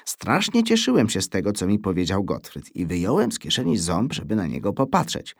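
A man reading a children's story aloud in an expressive storytelling manner. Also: on the low side, brisk, vocal fry, no room sound. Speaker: reader.

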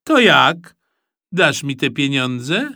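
A man's voice: mid-range voice, sing-song, drawn-out words, pushed and bright, no echo, clean studio sound, full character voice. A man reading a children's story aloud, voicing an eager, cheeky young schoolboy who wheedles and pleads with his father. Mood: pleading.

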